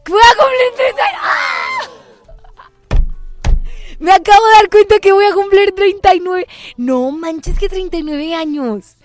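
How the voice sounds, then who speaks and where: A woman's voice: very high-pitched, big pitch swings, unhurried, faint music behind. A Mexican woman in her thirties hosting a radio show, chatting playfully and breaking into exclamations. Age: 30s. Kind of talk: lively casual banter.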